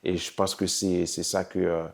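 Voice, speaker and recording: A man's voice: deep voice, flat delivery, moderate pace, creaky. A man from Saint-Martin, a musician and charity founder, answering interview questions hesitantly with many fillers and the odd slip into English.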